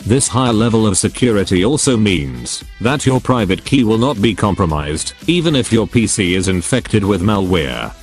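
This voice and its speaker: A synthetic male robot voice, computer-generated and pitched on the low side. It narrates a scripted explainer in a flat, even delivery. Quiet music plays faintly behind it. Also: moderate pace, hardly any pauses. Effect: robot text-to-speech voice.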